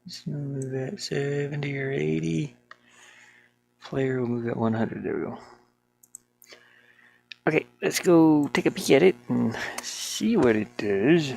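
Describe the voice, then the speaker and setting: Thinking aloud about their project, a solo game developer speaks slowly at a medium pitch, with long pauses and a somewhat dark, creaky tone. They mutter and grumble a little, using "ain't" and double negatives, from a small warm indoor room where a fan hums.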